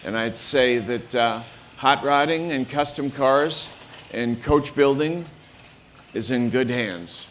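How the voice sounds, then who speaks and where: An older man from New York, a guest on a car forum panel, telling his story plainly with frequent pauses. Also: medium pitch, a bit bright, slight background noise. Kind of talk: panel discussion. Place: forum room with an audience.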